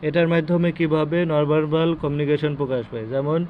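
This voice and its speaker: A man teaches from a chart, his voice pitched a little high. He explains each term slowly and repeats words, slipping English phrases in. The audio sounds dull and lo-fi, with a faint hiss behind him. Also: fairly even intonation.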